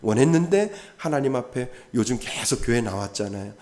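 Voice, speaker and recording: A male pastor giving a sermon, acting out little quoted dialogues and swinging from loud emphasis to near whispers. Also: medium pitch, lively intonation, fairly quick. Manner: acts out parents and children in quoted voices, swings from loud to soft. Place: church sanctuary.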